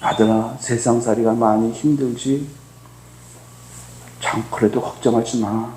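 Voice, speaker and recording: A man voicing a gentle mother who softly reassures her grown son, in a lowered, tender tone during a sermon. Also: fairly even intonation, a little slow, slight background noise, natural voice. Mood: soothing. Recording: echoey church sanctuary.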